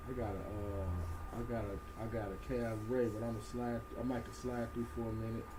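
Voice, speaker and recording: A man's voice: on the low side, flat delivery, moderate pace, noisy background. A man hosting a casual talk show, laid-back and agreeable, often chiming in with short affirmations. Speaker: host. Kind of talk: casual chat.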